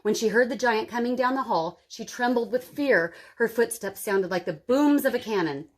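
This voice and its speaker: A woman narrates a children's storybook for story time, reading expressively with a dramatic, explanatory flair. She talks at a normal pace, and her voice is a little high.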